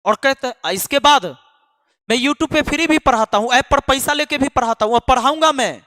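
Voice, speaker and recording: Emphatic high-voiced man scolding students. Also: normal speed, bright, forceful tone, no room sound, studio quality, big-room sound. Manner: emphatic and scolding, repeating lines for force. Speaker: online exam-prep math teacher. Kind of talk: impassioned address to students.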